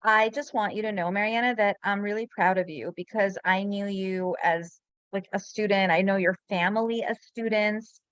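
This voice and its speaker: A woman's voice: mid-range voice, steady tone, normal speed, a bit bright, clear, resonant tone, dry recording. A woman hosts a webinar over a video call, talking in a gushing, emotional way. Her voice sits mid-range and sounds dry, with no room around it. She chats casually rather than reading. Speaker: webinar host.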